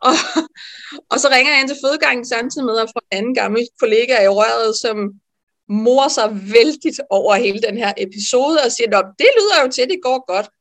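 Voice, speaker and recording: Woman midwife guest, animated storyteller, slightly high voice, lots of ums. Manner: lively, animated storyteller with frequent fillers. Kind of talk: personal storytelling in a podcast interview.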